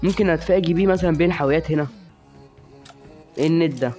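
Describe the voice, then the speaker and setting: A man's voice: on the high side, very fast, darkish tone, soft background music. A young man with an Egyptian Arabic accent commentating his own shooter game live, chatty and teasing his opponents.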